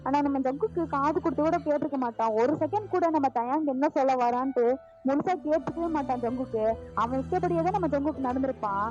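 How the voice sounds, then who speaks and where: A woman's voice: high voice, fast talker, darkish tone. A woman narrating a fan fiction story in a chatty, casual way, talking familiarly to her listeners. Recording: lo-fi voice with music behind.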